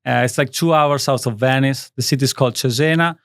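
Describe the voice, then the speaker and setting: A man in his thirties from Italy, a native Italian speaker with an Italian accent, founded a skincare brand and is telling his story as a guest in a studio interview. He speaks fast in a medium-pitched voice, earnestly and in a rambling way, on a dry recording.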